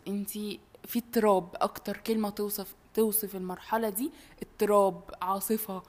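A young woman with an Egyptian Arabic accent, chatting casually and reflectively. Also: mid-range voice. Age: young adult. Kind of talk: casual reflective group chat.

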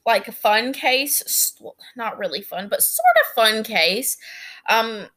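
A woman's voice: on the high side, animated, slow pace, fairly bright tone. A young woman with a Southern US accent, hosting a casual solo podcast intro in a chatty, rambling, self-deprecating way. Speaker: podcast co-host.

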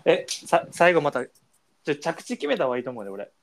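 A man's voice: fairly quick, vocal fry, poor audio. A man with a Kansai accent co-hosting a casual podcast, playing an improvised word game and laughing often. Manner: playful, laughs often, animated pitch. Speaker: podcast co-host.

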